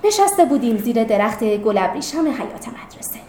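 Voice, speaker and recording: Woman reading a story, expressive, bit high pitched, echoey room. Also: slight background noise. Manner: expressive, acts out the characters. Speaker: story reader. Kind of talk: storytelling narration.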